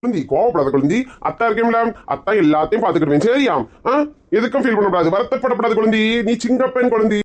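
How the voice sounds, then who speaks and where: A woman's voice: fairly high pitch, fast, dull audio, a little hiss or hum, pitched below the performer's own voice, natural voice. A woman voicing a meek middle-aged husband with a Kanyakumari Tamil accent, pleading and coaxing.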